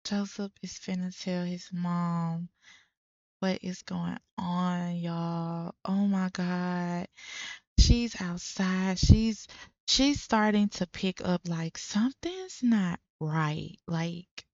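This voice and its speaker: Brief: young woman let's-player, unhurried chatty commentary, dry and slightly dull home mic. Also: fairly low pitch, no room sound. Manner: chatty and exclamatory, talking to viewers. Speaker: let's play creator. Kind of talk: casual gameplay commentary.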